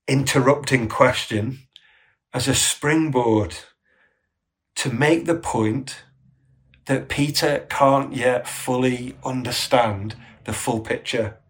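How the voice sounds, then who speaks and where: A male preacher delivers his sermon at an unhurried, measured pace in a mid-range voice. He draws listeners into the story, inviting them to imagine the scene and turning to them with rhetorical questions. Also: mid-range voice. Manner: asks the congregation rhetorical questions.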